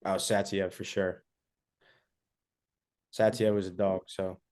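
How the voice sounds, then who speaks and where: A young man, a college wrestler, giving short, relaxed answers with fillers as a guest on a casual podcast. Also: sits low, slow. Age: young adult.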